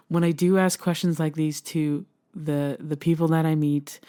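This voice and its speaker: A woman's voice: fairly low pitch, darkish tone. A young woman hosting a solo podcast, talking in an earnest, heartfelt way and laughing often. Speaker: podcast host.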